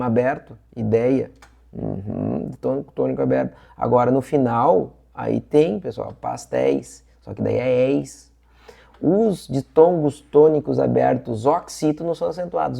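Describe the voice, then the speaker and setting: A man walks students through exam questions in a chatty, repetitive teaching style. His voice is heavily gravelly and very dark, with a husky edge. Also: medium pitch. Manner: chatty, repeats points with frequent "tá?" and "ó". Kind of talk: casual online lesson.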